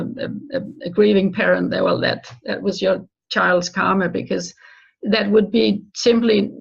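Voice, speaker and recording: Gravelly woman on a dull line. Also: medium pitch. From Denmark. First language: Danish. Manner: earnest, halting with restarts. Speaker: guest author. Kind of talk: remote interview answers. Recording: dull lo-fi call audio.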